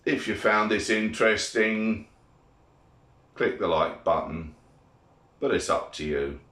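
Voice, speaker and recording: Grumpy British male vlogger, blunt and sweary old-man grumble, unhurried delivery, echoey room sound. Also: lowish voice, fairly bright tone. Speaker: vlogger giving opinions. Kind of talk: opinionated monologue rant.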